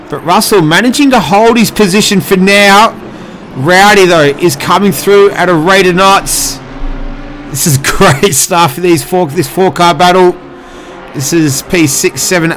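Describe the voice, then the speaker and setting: A man's voice: high-pitched, a bit bright, a little hiss or hum. A man giving live, casual motorsport commentary in a conversational play-by-play manner.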